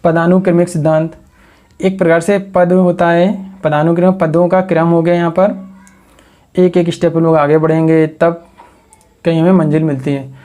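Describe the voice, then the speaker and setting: A man's voice: a little high, flat delivery, moderate pace, warm tone. A man teaching an exam coaching lecture, asking the class questions and answering them himself while building memory tricks from words.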